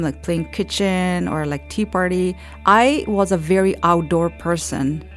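A woman, telling her story in a documentary interview in an earnest, reflective way. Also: on the low side. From Afghanistan. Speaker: interviewee, former Olympic judoka.

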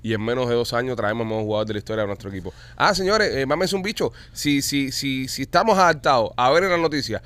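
A man's voice: medium pitch, expressive, fast, few pauses, fairly bright tone, dry recording. A man co-hosting a casual language podcast, joking and teasing crudely. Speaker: podcast co-host. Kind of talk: casual chat.

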